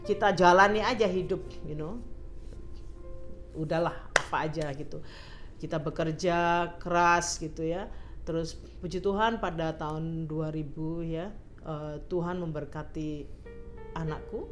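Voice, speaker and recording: A woman's voice: low-pitched, fairly even intonation, unhurried, soft background music. A woman telling her faith testimony in casual chat, mixing English phrases into her talk and laughing often. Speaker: guest sharing a testimony.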